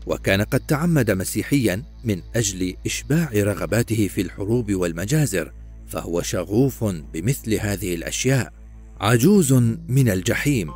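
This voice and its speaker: Male voice-over narrator, low-pitched, dramatic horror storytelling, faint music underneath. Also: lively intonation, normal speed, a little mellow, breathy edge. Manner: dramatic, addresses the viewer.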